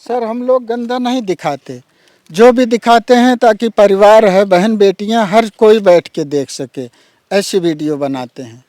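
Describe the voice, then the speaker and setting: A man's voice: sits high, a little slow, darkish tone, no echo. A man telling his own story earnestly, often addressing the interviewer as sir. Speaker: interviewee, village YouTuber. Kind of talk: emotional personal account.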